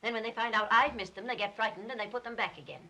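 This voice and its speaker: An actress playing a domineering, coldly scheming wealthy older sister in a 1930s film melodrama, with an imperious, clipped, insinuating manner. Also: female voice, on the high side, fast talker, bright, forceful tone, a little hiss or hum, rough recording. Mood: suspicious, bossy.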